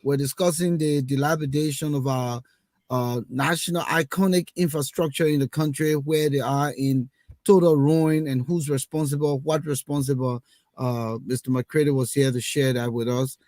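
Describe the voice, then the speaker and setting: A man hosting a casual panel talk show, animated, often repeating words as he starts a sentence. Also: medium pitch, normal speed, no echo. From Liberia.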